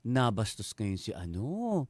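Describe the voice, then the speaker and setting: A man with a Filipino accent, a radio host telling a comic story in chat and acting out the quotes in a higher voice. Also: measured pace, slightly rough, no echo. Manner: animated, acts out quotes in a higher voice. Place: radio studio. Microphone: studio microphone.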